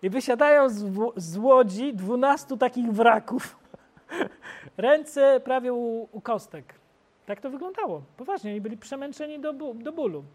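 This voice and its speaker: A man preaching a sermon in an animated, storytelling way. His voice jumps from loud, excited bursts to low, quiet asides as he paints the scene for the congregation. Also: normal speed.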